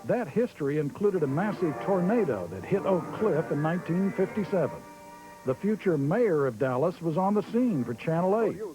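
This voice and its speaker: A man with a somewhat high voice narrates a documentary in a measured way. Loud music plays behind him. His delivery is smooth and scripted. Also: lively intonation, rough recording.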